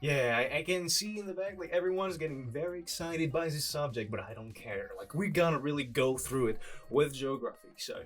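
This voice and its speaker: A man's voice: on the high side, fairly quick, faint music behind. A man from France with a French accent, talking English in a casual, rambling, sarcastic vlog style full of "like" fillers. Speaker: vlogger. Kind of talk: casual chatty explainer.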